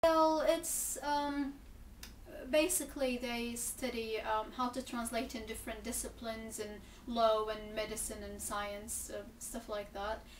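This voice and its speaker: A young woman answers interview questions in a fairly high voice, pausing on ums and restarting her sentences as she thinks. She sounds set back from the mic in a reverberant room, with faint ambience underneath. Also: little pitch movement, recorded from a distance, slight background noise. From Gaza Strip, Palestine. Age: 20s. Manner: thoughtful, hesitant with frequent ums and restarts. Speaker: interviewee, English teacher and graduate student.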